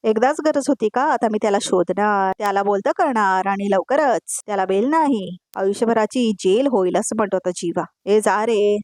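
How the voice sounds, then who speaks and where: A woman's voice: mid-range voice, normal speed, few pauses, a little mellow, no room sound. Woman narrating a serial recap, dry. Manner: retells each line then names the speaker. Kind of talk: voice-over recap reading all parts.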